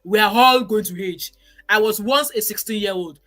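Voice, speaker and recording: A woman's voice: medium pitch, normal speed, a bit bright, faint music behind. A Nigerian woman in her forties hosting a casual live stream, reading viewer comments in an emphatic, chatty way and dropping in pidgin words. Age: 40s.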